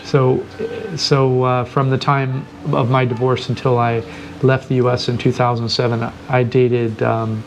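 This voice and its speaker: A man in his sixties from the United States, recounting his past in a relaxed, rambling way with many pauses. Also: mid-range voice, muffled recording. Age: 60s. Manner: relaxed, rambling, hesitant fillers. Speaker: host. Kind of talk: casual chat. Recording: noisy background hiss.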